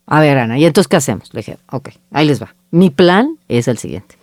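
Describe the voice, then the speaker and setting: Mellow-voiced woman telling her story. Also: low voice, fairly quick, no room sound. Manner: lively, quotes herself and others in dialogue. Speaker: agency founder, guest. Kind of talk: storytelling in a conversational interview.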